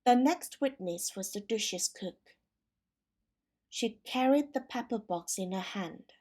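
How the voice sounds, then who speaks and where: A woman narrating a storybook for language learners with clear, careful reading. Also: mid-range voice, expressive, a little slow, darkish tone.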